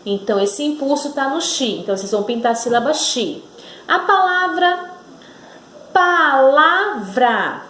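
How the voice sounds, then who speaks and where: A woman teacher speaks slowly and lets her high voice rise and fall as she stresses each syllable for children. The words come drawn out and clear. The recording has a roomy echo. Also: very animated, a bit bright, slight background noise. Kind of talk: children's Portuguese lesson.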